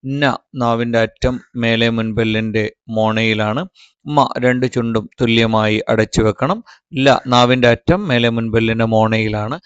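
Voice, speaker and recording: Slow, careful male recitation teacher. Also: mid-range voice, fairly even intonation, clear, resonant tone, lo-fi sound. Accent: Malayali. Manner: slow, careful articulation of each letter. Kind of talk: step-by-step pronunciation lesson.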